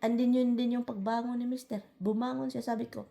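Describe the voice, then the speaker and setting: A woman's voice: on the high side, little pitch movement, fairly quick, vocal fry, mellow. A Filipino woman vlogger chatting casually to her viewers, calling them guys and slipping into English. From Philippines. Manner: laughs while telling a story.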